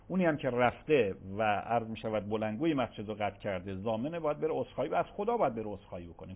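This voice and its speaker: Man, cleric on radio call-in, lively swooping pitch, tinny phone-line sound. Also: creaky. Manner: emphatic, repeats "no, no, no". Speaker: cleric answering religious questions.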